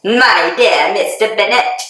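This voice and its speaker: A woman playing a fussy, excitable, self-pitying middle-aged wife and mother in a hammy, theatrical dramatic reading. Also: mid-range voice, slow pace. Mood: excited, gushing. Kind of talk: dramatic reading of a classic novel. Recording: very echoey room.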